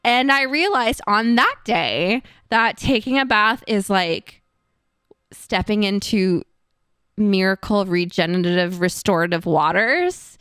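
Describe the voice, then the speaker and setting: Young woman co-host, smooth dry voice, animated and rambling casual chat. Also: slow, no room sound. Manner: rambling, animated storytelling with frequent fillers; acts out quoted voices in a higher pitch. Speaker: streamer and co-host.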